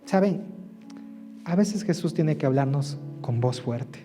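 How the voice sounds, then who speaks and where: A male pastor preaching emphatically, swinging between loud calls and soft asides. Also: a little high, lively intonation, slow pace, over music. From Ecuador. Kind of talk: sermon.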